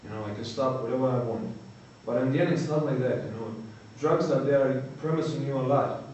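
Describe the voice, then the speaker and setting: Man, Croatian accent, thirties, halting and searching for words, mellow dark voice, distant mic in a very echoey hall. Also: medium pitch, lo-fi sound, slight background noise. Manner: halting, searching for words, frequent "you know". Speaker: recovering addict giving testimony. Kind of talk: personal testimony talk.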